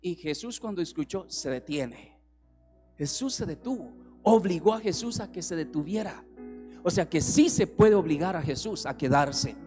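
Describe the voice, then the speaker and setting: A man preaching a sermon as a pastor. He acts out the figures he quotes and swings between strong calls and soft, hushed passages. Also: sits high, expressive, normal speed. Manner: preaching with acted quotes, rising and dropping to soft tones. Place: church hall. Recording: reverberant hall with music.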